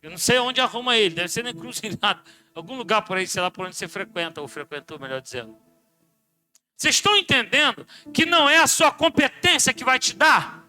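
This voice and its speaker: A Brazilian man preaching a sermon as pastor, swinging from shouts to muttered asides and acting out dialogues. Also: very high-pitched, very animated, fairly quick, faint music behind. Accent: Brazilian Portuguese. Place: church.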